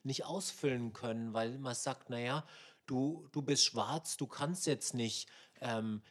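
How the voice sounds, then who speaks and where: A man with a middle-pitched voice hosts a radio discussion. He thinks aloud and poses open questions, with a few ums along the way. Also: slow, a bit bright. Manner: thoughtful, questioning, some fillers. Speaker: radio show host.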